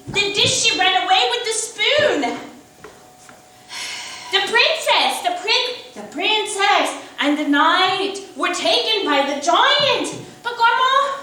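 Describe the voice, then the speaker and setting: A woman acts a frantic, bewildered woman who rambles through nursery rhymes in a panic on a live stage. The voice is very high and bright. It sounds distant in a very echoey hall. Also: heavily acted. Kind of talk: live community stage play.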